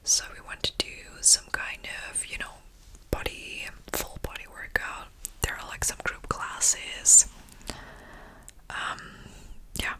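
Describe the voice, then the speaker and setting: A woman whispering a casual, meandering ASMR ramble in a crisp, breathy voice, very close to the microphone. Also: slow, low-quality recording. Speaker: ASMR creator. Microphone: close-up ear-to-ear stereo microphone.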